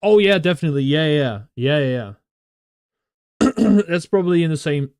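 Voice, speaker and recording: A man's voice: fairly high pitch, expressive, moderate pace, a little mellow, smooth, no room sound, studio quality. A young Dutch man with a Dutch accent, chatting casually with viewers, often laughing and restarting his sentences. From Netherlands. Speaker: streamer.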